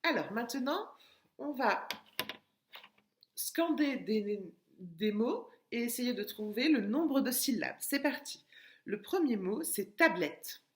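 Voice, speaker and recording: Slow, patient woman teacher in an echoey room. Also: fairly high pitch, big pitch swings. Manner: slow, deliberate, encouraging, stretching out words. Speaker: preschool teacher. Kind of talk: remote lesson for young children. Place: home, washing machine running.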